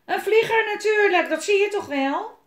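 A woman voicing a grumpy, gruff male pirate who barks and grumbles loudly. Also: very high voice, expressive, moderate pace, roomy sound, voice pushed up. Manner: loud, barking, grumbling.

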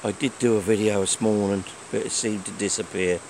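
A man's voice: lowish voice, fairly even intonation, darkish tone, low-quality recording. A man, chatting casually as he walks around a fishing lake filming on a handheld phone. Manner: chatty, unhurried, plain-spoken. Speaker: angler filming his fishing trip. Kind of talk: casual walk-and-talk vlog. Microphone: handheld phone camera. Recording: faint outdoor noise.

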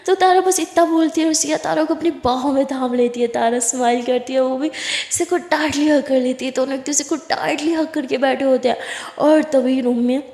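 High-voiced woman telling a story, echoey room. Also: a little fast. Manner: lively, shifts voice slightly for each character's lines. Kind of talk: casual spoken storytelling with character dialogue. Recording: echoey room with long reverb.

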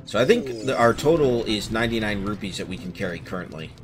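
Low-voiced man chatting over game music. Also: lively intonation, quick pace. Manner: chatty, thinking aloud. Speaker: let's play host. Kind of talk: casual gameplay commentary. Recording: game music playing behind.

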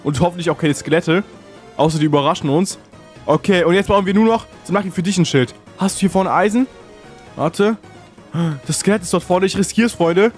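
Young male gaming YouTuber; fast talker, fairly high; anxious, repeats phrases in bursts. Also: soft background music. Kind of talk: excited gameplay commentary.

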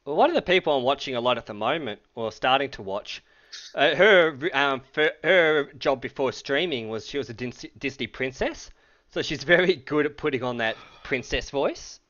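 A man's voice: mid-range voice, lively intonation, normal speed, a bit bright, lo-fi sound. A man co-commentating a game, thoughtful and analytical, hedging his reads. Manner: thoughtful, analytical, hedges with "I reckon". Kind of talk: casual co-commentary.

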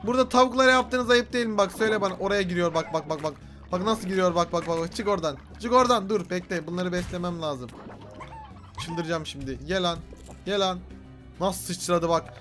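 High bright guy freaking out over his game, yelling at stuff, some music in the back. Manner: frantic, yelling and swearing at creatures. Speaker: gaming YouTuber. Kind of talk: excited let's-play commentary.

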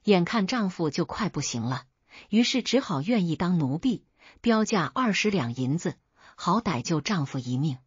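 A woman's voice: on the low side, sing-song, normal speed, slightly rough, no room sound. A woman narrating a scripted folk tale as a storyteller. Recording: dull lo-fi dry recording.

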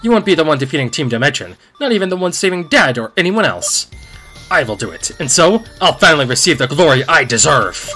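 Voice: medium pitch, sing-song, fairly quick, pushed and bright, soft background music, pitched above the performer's own voice. A video game player voicing a bitter, jealous shadow double with theatrical villain menace, unhinged in temper. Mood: menacing contempt.

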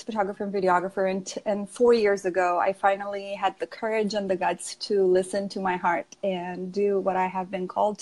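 A woman in her thirties from Romania, speaking with a Romanian accent as a coaching guest on a video call, explaining ideas slowly and thoughtfully with small laughs. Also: mid-range voice, darkish tone, low-quality recording. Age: 30s. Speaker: emotional health coach, guest. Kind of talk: casual interview talk.

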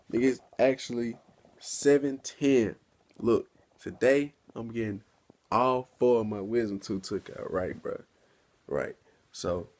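A man's voice: mid-range voice, a little mellow. A young man giving a casual vlog intro to camera. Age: young adult. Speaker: vlogger.

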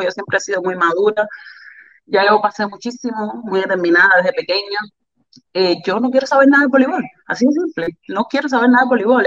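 A volleyball player from Cuba, speaking with a Cuban Spanish accent, tells her life story candidly as an interview guest. She's animated and repeats phrases for emphasis, and her voice sits on the high side. The recording is muffled.

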